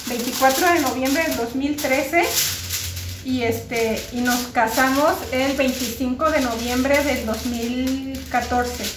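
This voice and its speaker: Mexican woman in her thirties, high voice, casual vlog chat, roomy sound with noise behind. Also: slow pace. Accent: Mexican Spanish. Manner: chatty, talks straight to her viewers. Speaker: vlogger and homemaker. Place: home kitchen indoors, later outdoors at a park.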